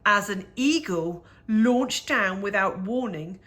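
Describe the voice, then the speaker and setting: This is a woman at medium pitch reading a rhyming picture book aloud for little kids. Her delivery is measured and expressive, and she leans into dramatic emphasis.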